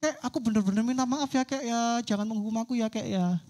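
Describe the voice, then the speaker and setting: A woman's voice: on the high side, fast, dark tone, lightly acted. A woman voicing a scared little grandchild who pleads fearfully with the grandfather in a sermon story. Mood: pleading. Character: scared little grandchild, anxious then relieved.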